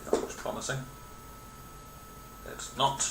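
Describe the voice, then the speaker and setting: A man live-streams himself painting miniatures at his home desk, muttering to himself and chatting with viewers. He speaks slowly, and the audio, from a webcam perched on a lamp, is very noisy.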